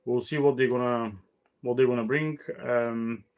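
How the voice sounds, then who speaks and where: Halting, tired man hosting a cigar show. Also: mid-range voice, fairly even intonation, clean tone, highs cut off. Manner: halting, many fillers and restarts. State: tired, yawning. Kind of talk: casual solo talk show.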